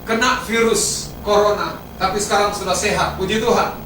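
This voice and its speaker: A man, preaching a sermon as pastor, emphatic, with sudden rises and drops in pitch and volume. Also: steady tone, normal speed, sharp tone, a little hiss or hum. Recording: roomy echo, heard from a distance.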